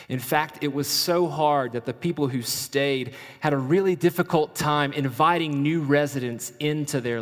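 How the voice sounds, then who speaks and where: A male pastor preaching a sermon in a church, slow and dramatic, dropping to a hush and then rising for emphasis. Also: mid-range voice. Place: church sanctuary. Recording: long reverb of a large hall.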